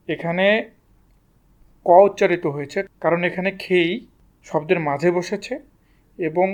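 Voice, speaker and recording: High-voiced man teaching pronunciation. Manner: asks questions and answers them himself. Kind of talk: explaining lesson to students.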